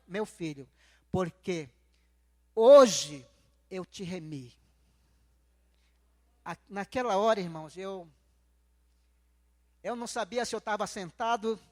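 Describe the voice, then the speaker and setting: A man with a strikingly high voice gives his testimony to a church congregation, speaking slowly and earnestly. His first language is Nheengatu, and he keeps returning to the same phrases as he tells the story. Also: long reverb tail. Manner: slow, heartfelt storytelling with repeated phrases. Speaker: guest speaker giving testimony.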